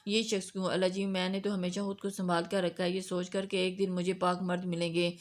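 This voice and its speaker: A woman's voice: lowish voice, flat delivery, lightly acted. A woman voicing a young woman held captive, alternately pleading in prayer and threatening her captor. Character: young woman, frightened yet defiant captive.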